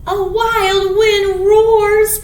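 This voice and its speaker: Reading a picture book to young children, this middle-aged woman is expressive and poses simple questions as she goes. Her very high voice draws words out, and the recording carries the echo of a small indoor room plus background hiss.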